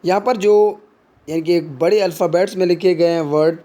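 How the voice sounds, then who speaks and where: A man's voice: sits high, fairly even intonation, normal speed, mellow. A man teaching literary terms, explaining in Hindi and mixing in English terms, with frequent fillers and restarts.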